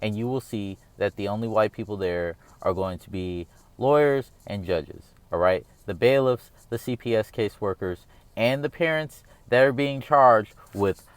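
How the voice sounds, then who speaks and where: A man's voice: on the low side, animated, moderate pace, smooth, no room sound. A man in his thirties from the United States, talking through his opinions in a casual, earnest monologue that rambles and keeps circling back with "all right?". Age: 30s. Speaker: vlogger.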